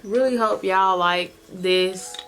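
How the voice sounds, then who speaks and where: A woman's voice: medium pitch, slow, a bit bright. A drunk American woman chatting casually through a makeup tutorial, loose and rambling, repeating herself as she goes. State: tipsy, drunk. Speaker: makeup vlogger. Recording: music behind the voice.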